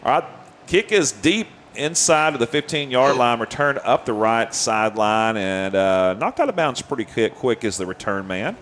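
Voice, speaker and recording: A man calling high school football play by play, winded, laughing and chatty. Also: moderate pace, slight background noise. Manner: excitable, laughs often, chatty. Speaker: play-by-play announcer.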